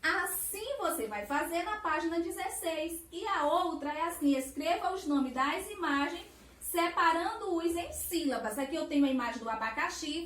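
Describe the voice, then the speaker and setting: A Brazilian woman teacher talks young children through a lesson in a high, sing-song voice, drawing out each syllable with patience. She sits back from the mic in a roomy, echoing space. A faint hiss runs under her voice. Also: a bit bright, recorded from a distance. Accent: Brazilian Portuguese.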